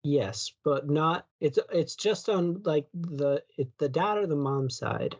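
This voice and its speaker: A man's voice: a little high, expressive, takes it slowly. A man co-hosting a podcast, chatting casually about video games in a rambling, self-correcting way. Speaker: podcast co-host.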